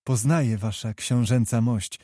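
A man reading the lines of a shy, wary young woman with hushed, hesitant replies. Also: mid-range voice, measured pace, dry recording, clean studio sound, close to an everyday voice. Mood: timid.

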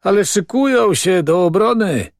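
A man's voice: mid-range voice, sing-song, slow, no room sound, clean studio sound, full character voice. A man reading as a cocky, scornful young man who talks in a brash, dismissive way.

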